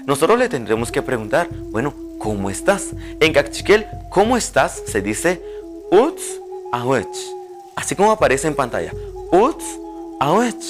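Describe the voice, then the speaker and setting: A man, a language teacher giving a televised lesson and slowly spelling out pronunciation drills. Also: mid-range voice. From Guatemala.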